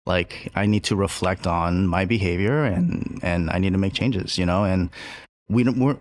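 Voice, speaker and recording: Deep-voiced man, halting and reflective. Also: no room sound. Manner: halting, reflective, many fillers and restarts. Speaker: chef and restaurant co-owner. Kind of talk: casual podcast conversation.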